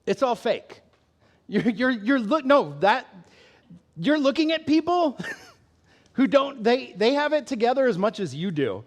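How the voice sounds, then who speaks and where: High-voiced man preaching casually. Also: big pitch swings, measured pace, pauses often. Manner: candid and self-deprecating, laughs often, asks the room questions. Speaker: pastor. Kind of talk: conversational sermon.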